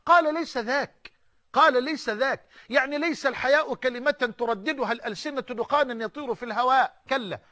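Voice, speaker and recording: Fervent high-pitched Egyptian preacher. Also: male voice, brisk, sharp tone. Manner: fervent, repeats phrases for emphasis, shifts into colloquial asides. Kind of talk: sermon.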